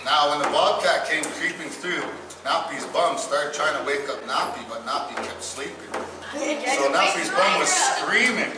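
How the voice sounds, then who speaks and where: A man with a slightly raised voice tells a traditional tale to children, playful and chatty, checking in with his listeners as he goes. He is heard from a distance in a very echoey room, with loud noise all around. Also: fairly high pitch, expressive, unhurried. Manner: playful, addresses listeners, asks "right?". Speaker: storyteller. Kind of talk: oral storytelling to children. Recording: echoey room, from far off, noisy.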